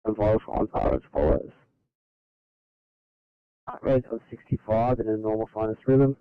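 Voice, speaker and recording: Low-voiced man on tinny ambulance radio. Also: big pitch swings, moderate pace, clear, resonant tone, dry recording. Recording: tinny, narrow-band radio channel.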